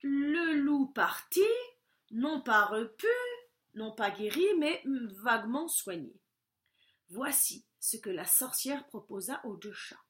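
A woman reading a children's storybook aloud in a gentle, measured, expressive way. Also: a little high.

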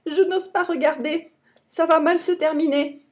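A woman's voice: extremely high pitch, steady tone, unhurried, pitched above the performer's own voice. Woman doing a cheeky young girl. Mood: worried. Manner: cheeky, blunt. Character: sharp-tongued young girl friend.

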